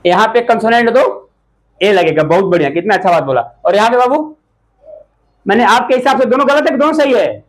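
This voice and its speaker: A man teaching a classroom lesson, asking the pupils short repeated questions and sometimes calling out loudly. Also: high-pitched, lively intonation, fairly quick, poor audio.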